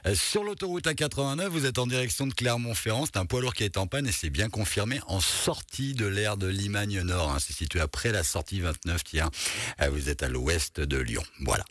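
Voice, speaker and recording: A man reading traffic updates on live radio, relaxed and hesitant with fillers. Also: lowish voice, brisk, no room sound, clean studio sound. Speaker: traffic information presenter. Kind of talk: casual banter and traffic update. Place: radio studio.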